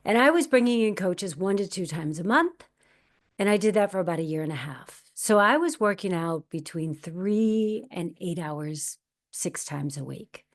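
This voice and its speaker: This fifties-aged actress has a lowish, expressive voice and talks at normal speed. As an interview guest she reflects candidly on her life, repeating aloud what she used to think.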